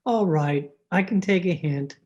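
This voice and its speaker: A woman's voice: fairly low pitch, a little slow, mellow, lo-fi sound, natural voice. A woman playing a droll, wisecracking veteran family doctor in old-time radio comedy, with dry, wordy sarcasm. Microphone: video call microphone.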